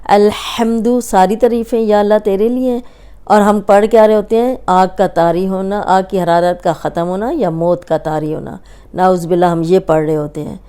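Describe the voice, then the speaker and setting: A woman gives a recorded tajweed lesson. Her voice is warm, mellow and smooth. She explains with patience and draws out single letter sounds to show how each one should be said. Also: mid-range voice, steady tone. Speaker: Quran recitation teacher.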